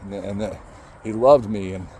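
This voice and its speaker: Low, mellow man telling a personal story. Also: slight background noise, poor audio. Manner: halting, emotional, swears casually. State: emotional. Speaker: motivational speaker.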